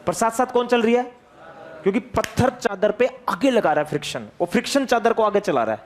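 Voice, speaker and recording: A man with a high-pitched voice teaches physics in a classroom. He repeats each key point several times and keeps firing questions at his students. He calls on them by name to make them answer. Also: expressive, a little fast. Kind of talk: energetic classroom lecture.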